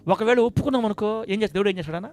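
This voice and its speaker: High-pitched guy preaching at church, goes quiet then loud and emphatic, faint music in the back. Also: very fast. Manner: preaches to the congregation, shifting from hushed asides to loud emphatic bursts. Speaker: pastor. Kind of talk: sermon. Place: church service before a congregation.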